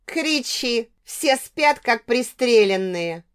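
A woman's voice: on the high side, animated, slow pace, smooth. A woman voicing a drunk, aggressive young man who taunts his ex-girlfriend, in an audiobook. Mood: taunting. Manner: taunting, sneering.

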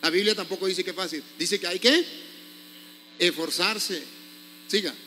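A man's voice: sits high, moderate pace, bright, forceful tone, big-room sound, a little hiss or hum. A priest preaching a sermon, scolding his congregation with pointed rhetorical questions.

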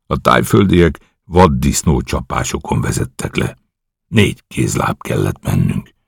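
A man's voice: rumbling low, sing-song, gravelly, husky, no echo, studio quality, heavily acted. A man reading an eager young soldier. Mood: earnest report. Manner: earnest, respectful report. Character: young male commando officer, eager and bold.

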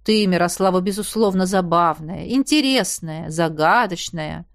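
A woman voicing a haughty, smug male sorcerer lord who speaks quietly in a silky, ingratiating way, in an audiobook. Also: fairly low pitch, normal speed, lightly acted. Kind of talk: audiobook character voice.

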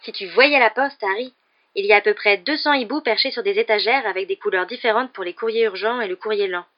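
A reader doing an excited, chatty teenage boy. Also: mid-range voice, fast, lo-fi sound, pitched above the performer's own voice, close to an everyday voice.

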